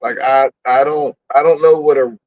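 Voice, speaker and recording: A man's voice: medium pitch, fairly even intonation, normal speed, darkish tone, poor audio. A man, a guest telling stories in a casual interview, blunt and boastful, often laughing at himself. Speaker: guest, food and camping content creator.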